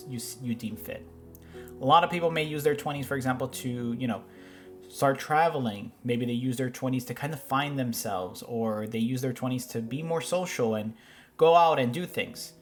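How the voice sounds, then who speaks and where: A man in his thirties talks through reaction clips in a casual, rambling way, often restarting his sentences. His voice sits in a middle pitch, and faint music plays quietly behind him. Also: moderate pace. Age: 30s. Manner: rambling, with frequent restarts and fillers. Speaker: host reacting to finance videos. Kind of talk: casual commentary.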